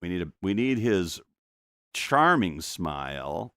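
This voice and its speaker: Man, middle-aged, low voice, dry close mic, casual live-stream chat, rambling restarts. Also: very animated, takes it slowly, a bit bright, no echo. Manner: rambling and self-interrupting, with frequent stammered restarts and chuckles. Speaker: artist streaming a live painting session. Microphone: desk microphone.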